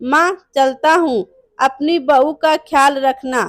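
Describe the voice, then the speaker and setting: Woman voicing a curt young husband, high voice, slow, storybook. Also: fairly even intonation, dry recording, studio quality. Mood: blunt. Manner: blunt, curt. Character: son and husband, young man, blunt.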